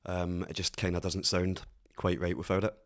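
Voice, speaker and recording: A man with a Glaswegian accent hosting a synth tutorial, talking in a relaxed, rambling way with plenty of fillers. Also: deep voice, moderate pace. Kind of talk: casual tutorial talk.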